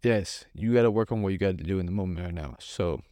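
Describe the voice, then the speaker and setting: A man's voice: low voice, fast talker, dark tone, dry recording, clean studio sound. A man hosting a podcast, giving a casual, earnest faith talk that builds through repeated phrases in a conversational preaching manner. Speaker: podcast host.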